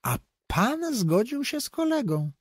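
A man voicing a mysterious, low-voiced foreign gentleman who speaks with slow, insinuating courtesy in an audiobook. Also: sing-song, slightly rough, no room sound, clean studio sound, heavily acted. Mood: courteous, wondering.

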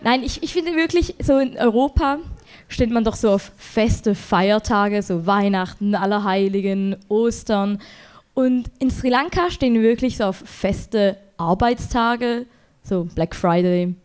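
A woman's voice: darkish tone, clean tone. A young woman performing a rambling, self-deprecating stand-up set on a comedy club stage. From Switzerland. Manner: rambling, self-deprecating, quick jumps in pitch when exasperated.

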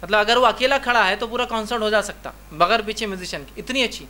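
Guy giving an islamic lecture, bright sharp voice, keeps asking questions and saying remember this. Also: high voice. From India. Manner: rhetorical questions, repeats reminders to remember. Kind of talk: religious lecture.

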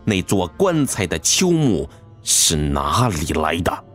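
Man doing a stern older cousin, low and severe. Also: wildly swooping pitch, slow pace, fairly bright tone, soft background music, heavily acted.

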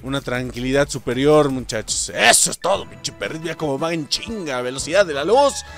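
A young Mexican-accented man, high-pitched and brightly tense in tone, narrates his gameplay in a casual, excitable way. His voice leaps around in pitch as he yells and swears at the game. Faint game music plays behind him. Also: a little fast. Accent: Mexican Spanish. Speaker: gaming streamer.

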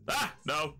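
A man giving live gameplay commentary, excitable and swearing often, with loud bursts of laughter. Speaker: let's play streamer.

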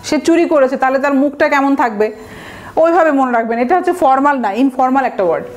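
A woman's voice: sits high, lively intonation, quick pace. A woman from Bangladesh teaching exam vocabulary in a recorded lecture, explaining patiently and spelling words out letter by letter. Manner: mixes English words and example sentences into her explanations.

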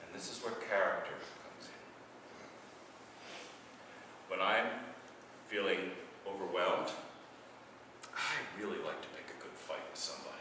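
A middle-aged man, a priest, preaching a sermon with big swings between loud passages and hushed ones. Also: deep voice, measured pace, pauses often, background noise. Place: church sanctuary. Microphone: far camera. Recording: echoey church from far off.

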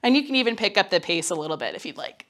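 This pilates instructor in her twenties races along in a lowish, fairly bright voice, very animated as she guides a mat workout indoors at home. A lingering cold makes her sound congested and nasal, and the exercise leaves her a bit out of breath. She keeps up friendly chatter and encouragement through each countdown.

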